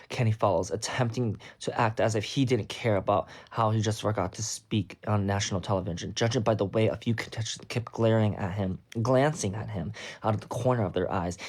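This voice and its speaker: A man's voice: on the low side, darkish tone. A young man reading a piece of fanfiction aloud on a livestream, breaking off now and then to comment wryly on the text. He records at home on a phone mic. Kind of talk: reading a story aloud with asides.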